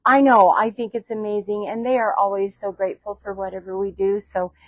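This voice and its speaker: A woman's voice: medium pitch, flat delivery, brisk, no echo, dull audio. Woman shop co-host, casual chat, playful and laughing, dry close sound. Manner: chatty and laughing, playful teasing. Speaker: co-host of a fabric shop livestream. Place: fabric shop.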